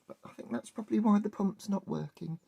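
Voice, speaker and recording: A hobbyist with a wheezy, husky voice narrates workshop work casually. The delivery is halting and full of thinking aloud, with a gravelly creak from a sore, hoarse throat. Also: mid-range voice, mellow, dry recording, highs cut off. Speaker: host of a hobby workshop channel.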